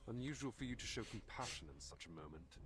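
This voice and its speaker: A man's voice: on the low side, expressive, fast talker, noisy background, close to an everyday voice. An actor playing a resolute, stern male military commander in a video game, speaking formally and firmly. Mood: stern, composed. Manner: formal, firm, clipped. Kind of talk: dramatic video game voice acting. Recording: game dialogue over music.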